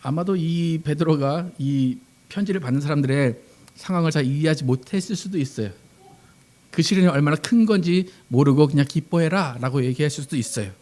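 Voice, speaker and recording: A man delivers a Sunday sermon as the pastor. His voice sits a little high, and he talks in a relaxed, conversational way. He keeps turning to the congregation with rhetorical questions. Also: a little fast.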